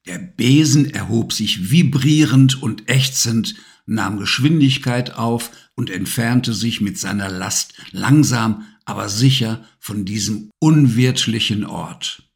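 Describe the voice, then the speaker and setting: A man reading a children's storybook aloud, calm and measured. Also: lowish voice, vocal fry. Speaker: narrator.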